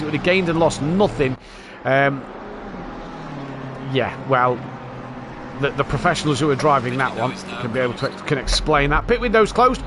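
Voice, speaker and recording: A man's voice: a little high, background noise. A man giving live race commentary as a motorsport commentator, calling the action as it happens.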